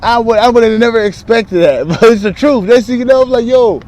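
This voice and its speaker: A man's voice: very high-pitched, brisk, darkish tone. A man talking in a casual spiritual vlog, rambling and candid, full of profane street slang, recorded outdoors. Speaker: spiritual vlogger.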